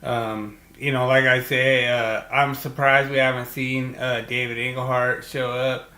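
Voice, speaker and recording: A man's voice: medium pitch, level tone, a little slow, pushed and bright, roomy sound. A man co-hosting a podcast, talking in an enthusiastic, filler-heavy way, with lots of "dude" and "like I say.". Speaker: podcast co-host. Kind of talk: casual chat.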